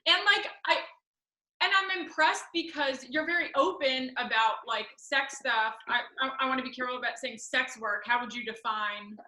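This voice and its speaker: A woman with a high, strikingly bright and forward voice hosts a casual podcast chat. Her manner is informal and effusive, with loose conversational phrasing. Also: moderate pace, roomy sound, low-quality recording. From Westchester, New York. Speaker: podcast host.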